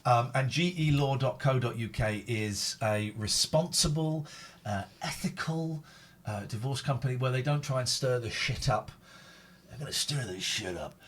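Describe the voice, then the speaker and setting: A man's voice: mid-range voice, moderate pace. A man with a British accent hosting a live phone-in show in casual, rambling chat, often repeating his phrases.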